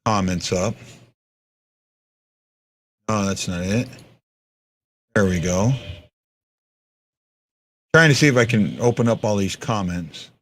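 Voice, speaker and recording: The man, in his fifties, hosts a hockey fan livestream and replies to viewers' comments in a casual, blunt manner, often saying things twice. His fairly low voice takes its time, with long pauses.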